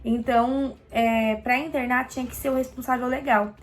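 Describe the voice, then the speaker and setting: A young Brazilian woman casually telling a personal story, animated and acting out quoted lines. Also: a little high, moderate pace.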